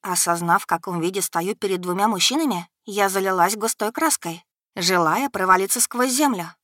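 A woman reading a novel aloud in a smooth, steady first-person narration on a close mic. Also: mid-range voice, normal speed, no room sound. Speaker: audiobook narrator.

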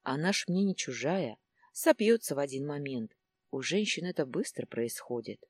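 Female narrator voicing a fretful middle-aged husband, low and husky. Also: expressive, normal speed, darkish tone, no room sound, studio quality. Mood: worried. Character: middle-aged man, worried husband, complaining.

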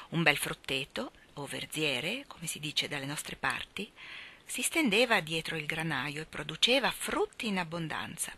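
Expressive woman reading a novel. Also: lowish voice, slightly rough. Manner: measured, expressive storytelling. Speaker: reader. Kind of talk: audiobook narration.

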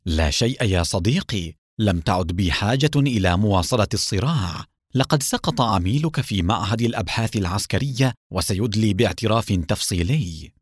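A man's voice: lowish voice, a little fast, husky, no room sound, studio quality. A man voicing a cool, mocking secret agent. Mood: calm mocking. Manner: calm, sarcastic.

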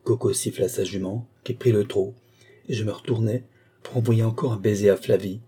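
A man reading a classic novel aloud in measured, literary narration. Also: fairly low pitch, fairly even intonation, warm tone, breathy edge. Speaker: audiobook reader.

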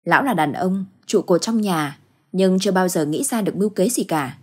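Storyteller, woman, low husky voice, steady measured ghost-story narration.

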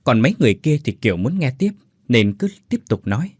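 Guy narrating a ghost story, husky, bouncy intonation. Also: medium pitch, big pitch swings, quick pace, darkish tone, no room sound, clean studio sound. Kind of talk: scripted horror story narration.

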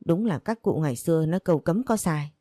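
A bitter, controlling older mother, read by a woman storyteller scolds in a low, mellow voice. She turns every reproach into self-pity. The sound is close and dry. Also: lively intonation, fast talker, no room sound. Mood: scolding.

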